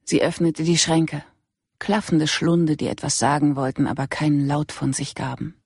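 An audiobook narrator giving a measured, even scripted reading. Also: medium pitch, slightly rough, no echo, studio quality. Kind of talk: scripted narration of a crime novel.

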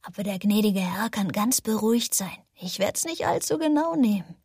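A woman's voice: mid-range voice, expressive, normal speed, a little mellow, husky, no echo, clean studio sound. A woman voicing a flamboyant, theatrical man in an audiobook, declaiming grandly. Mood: giddy.

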